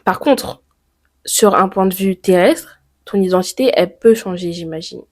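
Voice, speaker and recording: Her voice medium in pitch and darkish in tone, a teenage French girl speaks at a normal speed to her camera. She's a YouTuber doing a personal vlog, thinking aloud through many fillers and rhetorical questions.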